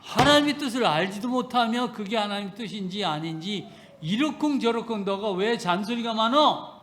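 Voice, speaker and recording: A man preaching gives voice to a stern God who scolds his people with blunt, rapid-fire questions. The voice sits high for a man and hits hard on each rebuke. It stays in the plain register of a sermon. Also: a little hiss or hum. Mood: rebuking.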